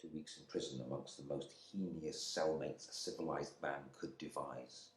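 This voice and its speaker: An extremely low, steady male voice at normal speed performs a dramatic novel monologue, echoing in the room. His character is a proud, resentful English RAF airman jailed in India, and the clipped, brooding lines carry shame and reflection.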